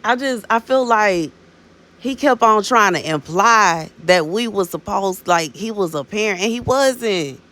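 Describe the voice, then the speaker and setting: This thirties-aged minister sounds animated and a bit bright, her medium-pitched voice at a measured pace. Rambling casually through a spiritual talk, she keeps dropping "you know what I'm saying" and addressing viewers as "baby" while sharing prophetic words.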